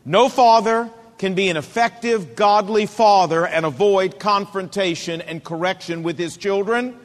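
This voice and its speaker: A middle-aged man preaching a sermon to men, with an emphatic, repetitive cadence, slowing down to press his points. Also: sits high, long reverb tail.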